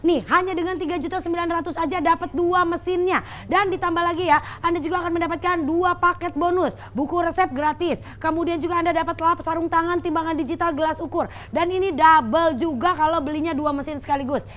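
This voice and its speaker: A woman presents a home-shopping infomercial in a very high voice. Her delivery is urgent and exclamatory, speaking straight to the viewers. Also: steady tone, fast talker, hardly any pauses, a bit bright. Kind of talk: infomercial sales pitch, live home-shopping.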